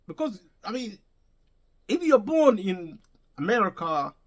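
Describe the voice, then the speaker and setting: In an unhurried, sing-song, high-pitched voice, a man gives his viewers an unscripted opinion monologue. He talks to them directly and emphatically, often rephrasing and restating his points.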